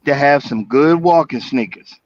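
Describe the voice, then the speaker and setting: A man's voice: medium pitch, moderate pace, dull audio, a crowd in the background. A man chatting casually as a guest on a live stream, stammering and repeating words as he tells a story. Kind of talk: casual chat.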